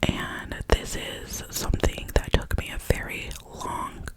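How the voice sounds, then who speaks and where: Young adult ASMR voice, whispered pep talk, unhurried and reassuring, crisp mouth clicks, close to the mic. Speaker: ASMR creator.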